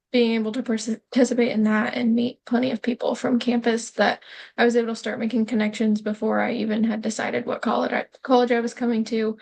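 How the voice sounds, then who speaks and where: A young woman from Kansas, a pre-med student ambassador, speaking on a video call in a measured, steady way. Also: a little high, vocal fry, slightly rough. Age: young adult. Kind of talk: casual self-introduction.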